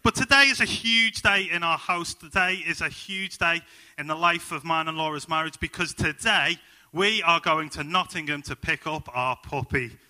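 A man's voice: a little high, moderate pace, sharp tone. A young man with a Liverpool accent preaching a sermon full of personal stories, upbeat and jokey, with plenty of ums.

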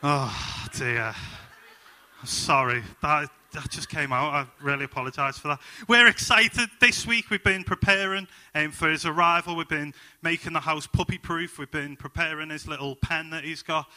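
Man, Liverpool accent, young adult, preacher, casual sermon, jokey, fairly high voice. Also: steady tone, normal speed, pushed and bright. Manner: chatty, jokey and upbeat, many ums. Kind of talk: sermon with personal stories.

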